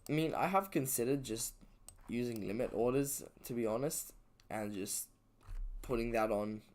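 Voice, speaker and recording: A man's voice: mid-range voice, normal speed, darkish tone. A man casually talking through his trading chart on a live session, thinking aloud loosely with fillers and self-corrections, a little sleepy, at home indoors. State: sleepy, yawning. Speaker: trader streaming his session.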